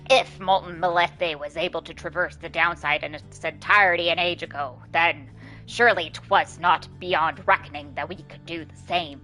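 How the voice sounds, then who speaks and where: Woman voicing a slow, solemn old serpent crone. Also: fairly low pitch, fairly even intonation, sharp tone, faint music behind, rough recording. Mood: brooding. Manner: slow, deliberate, archaic formal speech.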